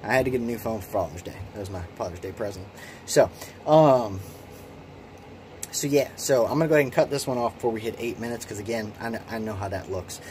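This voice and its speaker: A man in his late twenties, a hobby kydex holster maker, casually walks through the small workshop shed at his home, rambling and poking fun at himself with lots of restarts and ums. His voice is lowish and a little mellow, and he talks fast. It's recorded on a phone camera with slight background noise.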